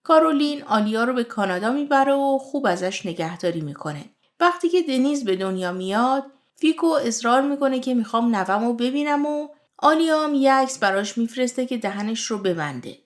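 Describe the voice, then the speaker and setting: A woman host narrating a recap of a drama series in a brisk, scripted plot-summary manner. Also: high-pitched, expressive. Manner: brisk plot summary, reading characters' lines aloud.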